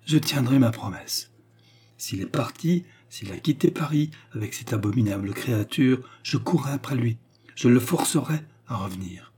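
A man reading the part of a scheming count who murmurs and feigns emotion, in a husky, dark voice. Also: medium pitch, lively intonation, moderate pace. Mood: ardent. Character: scheming count, male, smooth seducer.

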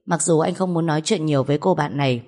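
A young woman with a low voice tells a first-person audio story in a steady, even manner. She sounds settled and unhurried. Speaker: narrator.

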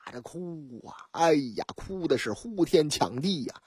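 A woman's voice: deep voice, animated, measured pace, darkish tone, husky, no room sound. A woman from Liaoning hosting a radio show, telling news stories in a chatty, dramatic, colloquial way and acting out the scenes. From Liaoning, China. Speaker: radio host. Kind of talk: storytelling news commentary. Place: radio studio. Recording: dry close studio sound.

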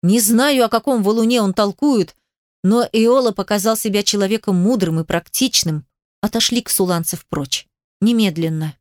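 Male ally, curt and practical, firm slightly low delivery, woman reader. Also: normal speed, no echo, studio quality, lightly acted.

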